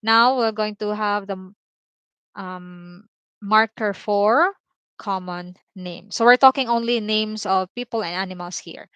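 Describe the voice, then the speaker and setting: A woman with a Filipino accent teaches a livestream language lesson, explaining patiently and repeating each example. Her voice is smooth and clear, recorded close and dry with no room echo. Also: medium pitch, fairly bright tone. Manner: explains slowly, repeating examples, many "no" and "okay" tags. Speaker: Tagalog teacher.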